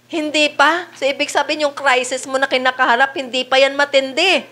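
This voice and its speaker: A woman with a high voice preaching a sermon to her congregation. She keeps turning to the listeners with rhetorical questions and switches into English when she reads the Bible verses aloud. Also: steady tone, brisk, sharp tone.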